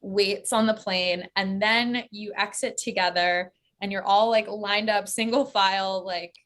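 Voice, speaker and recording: A talkative American woman with a bright, forward tone, speaking as an interview guest. She talks loosely and casually, dropping frequent "like"s and "um"s. Her pitch sits in an ordinary middle range. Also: fairly even intonation, measured pace. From United States. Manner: chatty, many fillers like "like" and "um". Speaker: guest, solo travel expert.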